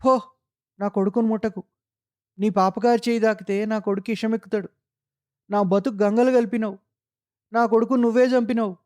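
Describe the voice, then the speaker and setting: A man's voice: high-pitched, little pitch movement, moderate pace, a little mellow, clear, resonant tone, voice pushed up, lightly acted. A man voicing a grieving village mother who keens over her dead son in a sing-song lament. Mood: anguished. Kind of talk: dramatic storytelling.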